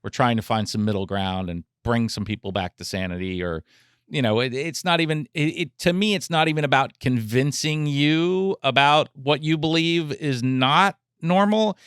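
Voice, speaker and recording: A man co-hosts a podcast in loose, rambling chat, full of restarts and jokes. His voice sits at a middle pitch and is recorded close and dry. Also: moderate pace, fairly bright tone, clear, resonant tone, no room sound. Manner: rambling, many restarts, jokey. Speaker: podcast co-host. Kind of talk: casual chat. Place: podcast studio.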